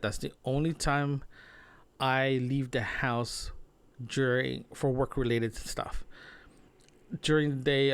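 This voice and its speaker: This remote-working designer talks alone on his podcast like an audio diary, meandering casually and frequently putting things another way. His mid-range voice sounds clean in a dry recording.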